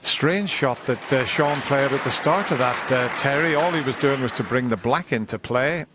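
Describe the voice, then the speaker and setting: A man giving live snooker commentary in a hushed, measured delivery. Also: medium pitch. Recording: crowd ambience and background noise. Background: snooker arena audience ambience.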